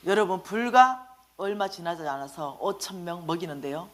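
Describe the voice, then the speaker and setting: A middle-aged woman, giving a lively sermon-style testimony and acting out the conversations in her story. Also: lowish voice, normal speed. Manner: animated storytelling, acting out dialogue. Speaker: church finance lecturer.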